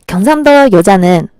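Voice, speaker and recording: A woman's voice: medium pitch, dark tone, dry recording, studio quality. A woman hosting a small local radio show, chatting casually with listeners and laughing often between lines. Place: small radio studio at a market.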